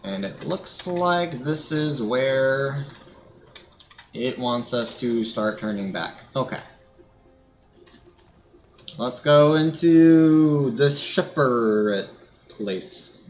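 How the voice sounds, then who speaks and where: A man's voice: medium pitch, animated, extremely slow, pauses often, a little hiss or hum. A man streaming a video game, giving casual, sarcastic, joking commentary.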